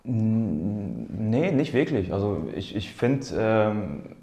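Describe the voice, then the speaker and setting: With a low, mellow voice, big pitch swings, and a slow pace, a professional footballer answers interview questions casually. Polish is his native language; he was born in Poland and grew up in Germany's Ruhr area, and he often searches for words and repeats himself. The recording sounds roomy and echoing.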